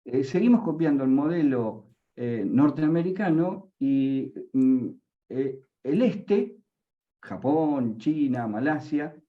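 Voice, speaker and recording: A man, speaking as a university panelist in an earnest, halting way with many fillers. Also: mid-range voice, narrow, tinny audio. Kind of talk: conversational panel reflection.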